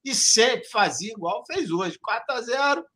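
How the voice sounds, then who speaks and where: A man hosting a casual live-stream football chat, loud and joking, swearing freely. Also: very high-pitched, animated, a little slow. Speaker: show host.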